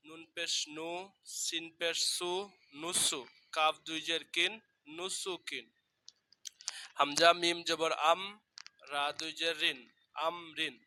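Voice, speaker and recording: A man with a fairly high, pushed and bright voice teaches Quran reading in a Bangladeshi Bengali accent. In a slow recitation drill, he spells out every letter and vowel mark, then repeats the blended syllable.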